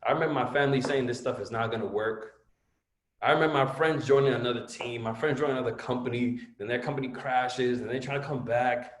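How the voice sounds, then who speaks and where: A man's voice: medium pitch, fairly even intonation, fast, echoey room. A man speaking as a guest, giving an emphatic motivational talk and repeating phrases for effect.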